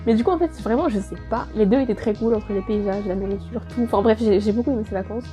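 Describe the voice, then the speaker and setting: Fast-talking gushing young woman vlogger. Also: mid-range voice, mellow, faint music behind. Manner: gushing, rambling, self-interrupting. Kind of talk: casual year-review Q&A vlog.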